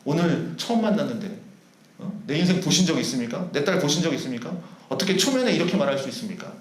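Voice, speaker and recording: A man's voice: a little high, very animated, fast talker, pitched below the performer's own voice. A man playing a proud, indignant foreign mother. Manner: indignant, pleading questions. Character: bitter foreign mother, middle-aged woman, proud. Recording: roomy church hall echo.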